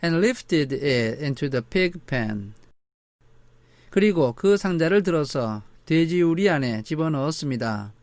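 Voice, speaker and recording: Male Korean English tutor, unhurried read-aloud, slightly high, lively voice, dry booth sound. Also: dry recording. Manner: very slow deliberate English reading, quicker Korean translation. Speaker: English reading teacher. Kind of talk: reading a novel aloud line by line, then translating.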